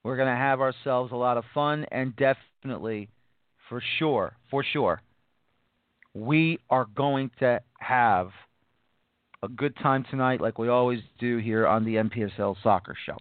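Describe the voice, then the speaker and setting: A man's voice: mid-range voice, measured pace, no echo. A man hosting a casual soccer interview show, rambling and repeating himself with many fillers. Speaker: podcast host. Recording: dry phone-like line.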